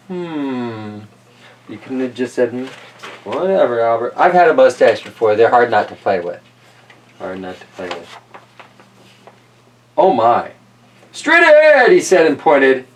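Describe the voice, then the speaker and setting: His pitch is medium and his reading animated at a normal speed as he shares a children's story with casual, wry asides. The recording is distant, with slight background noise.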